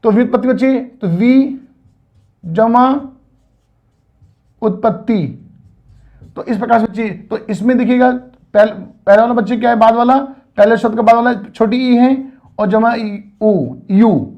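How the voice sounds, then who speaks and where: High-voiced male grammar teacher. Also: a little slow, pauses often, muffled recording. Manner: explains step by step, keeps addressing students as children. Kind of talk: exam-prep grammar lecture.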